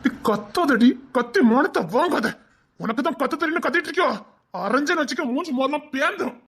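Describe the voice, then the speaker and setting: A woman playing a defensive, blustering jobless husband who hushes and threatens his wife. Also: high-pitched, fast talker. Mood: scolding. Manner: hushing, then blustering threats.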